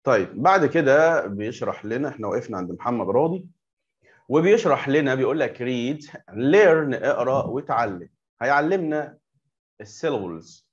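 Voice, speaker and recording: A man's voice: medium pitch, lively intonation, fairly quick. A young adult man with an Egyptian Arabic accent teaching English to young pupils, patiently repeating words and asking checking questions. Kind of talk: online lesson explaining to young pupils. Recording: dull lo-fi recording.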